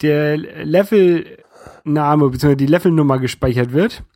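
Higher-voiced man in casual, halting chat. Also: darkish tone, dry recording, clean studio sound. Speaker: podcast co-host. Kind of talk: casual chat about video games.

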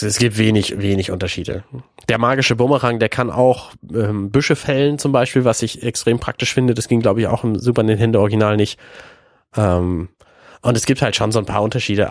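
A man's voice: on the low side, a little fast, no room sound, clean studio sound. A man in his thirties with a congested, stuffy-nosed voice, chatting casually as a podcast co-host and sometimes searching for words. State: stuffy nose from being ill, sounds congested. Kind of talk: casual chat about video games.

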